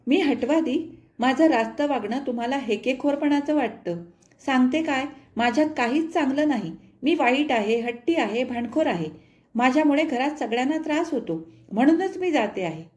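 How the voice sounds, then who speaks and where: A woman voicing a proud, quick-tempered young wife who answers back sharply. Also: high-pitched, voice pushed up, natural voice. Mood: indignant. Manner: sharp, indignant retorts.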